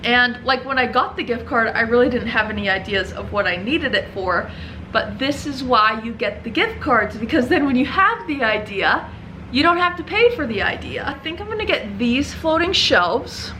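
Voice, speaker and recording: A woman's voice: on the high side, expressive, normal speed, pushed and bright, slight background noise, poor audio. Chatty, upbeat woman vlogging. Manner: chatty and upbeat, laughs often. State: out of breath. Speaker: vlogger and small business owner. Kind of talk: casual chat to camera. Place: her print shop, indoors.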